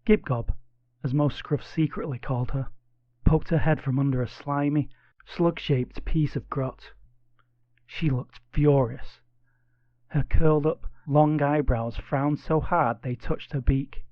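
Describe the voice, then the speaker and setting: A man narrating a children's audiobook with expressive, playful storytelling. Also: on the high side, unhurried, dry recording, muffled recording.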